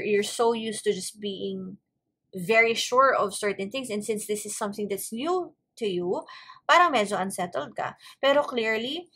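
A woman's voice: mid-range voice, sharp tone. A woman with a Filipino accent gives a casual tarot reading, switching between English and Tagalog in the middle of her sentences. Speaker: tarot card reader. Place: indoors at a wooden table, hands and cards seen from above.

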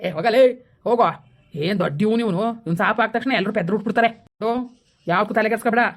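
Wheedling bossy landlord played by a woman, quick talker. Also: medium pitch, close to an everyday voice. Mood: smug. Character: scheming rich male village landlord.

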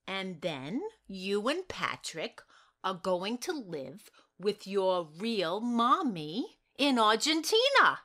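A woman playing a friendly social worker who talks softly and gently to a child. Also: mid-range voice, very animated, slow, full character voice. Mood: gentle. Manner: gentle, soft, speaking to a child.

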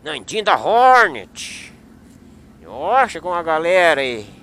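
Man, motovlogger, jokey mock arguing, very animated pitch. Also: measured pace. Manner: excitable, joking mock confrontation. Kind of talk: casual vlog chat. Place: outdoors at a motorcycle meetup.

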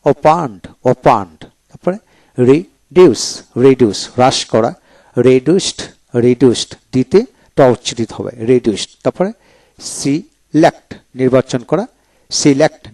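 Man reciting a slow vocabulary drill. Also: medium pitch, darkish tone. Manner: repeats each word twice, then the meaning, in a measured recital. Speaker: English teacher. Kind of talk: slow read-aloud vocabulary lesson.

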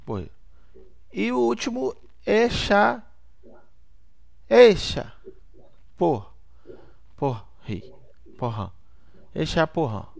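Man playing a stammering clumsy sports pundit, gravelly voice, high and lively pitch, comic co-host. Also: quick pace, exaggerated voice. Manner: stumbles and stammers over each name. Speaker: comedy show co-host.

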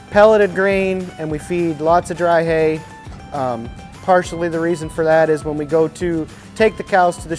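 A man's voice: fairly high pitch, darkish tone. A man in his thirties who looks after show cows, explaining his work in a barn in a plain, friendly way. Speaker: show cow caretaker. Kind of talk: casual explainer to camera. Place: large indoor barn.

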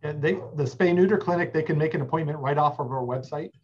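A man's voice: fairly high pitch, quick pace, muffled recording. A man in his forties explaining shelter services steadily over a video call, with many filler sounds. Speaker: animal shelter representative. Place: office with plain wall.

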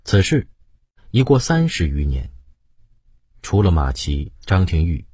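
A middle-aged man narrates a historical novel in a very low, breathy-husky voice. He tells it slowly and dramatically, his pitch sweeping widely. The recording is close and dry. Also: no echo. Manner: expressive storytelling with sweeping pitch. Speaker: audiobook narrator.

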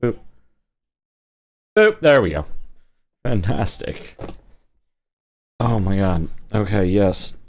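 A man streaming from home in casual chat, jokey and animated, talking to his viewers and his pets. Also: fairly low pitch, takes it slowly, long pauses. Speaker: streamer and voice actor. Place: at home, indoors.

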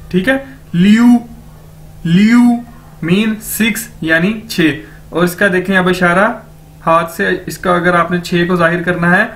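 Man, language teacher, high voice, slow and deliberate, repeats every word in drills. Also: a bit bright. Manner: patient, repeats each word several times in drills; explains pronunciation step by step. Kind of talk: beginner language lesson.

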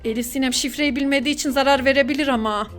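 Very high-voiced exclaiming mother. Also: fairly even intonation, very fast, faint music behind. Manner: exclamatory and scolding, with gasps. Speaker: mother in a family vlog. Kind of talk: staged family skit, talking to her child. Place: at home.

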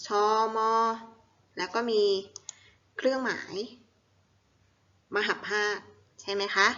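A woman teaching a primary school class at a very slow pace, sounding out each syllable and stopping to quiz her students. Her voice is bright and clear. The recording is slightly dull and lo-fi. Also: mid-range voice. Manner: slow, syllable-by-syllable reading, asking students questions. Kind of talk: classroom lesson, reading exercises aloud.

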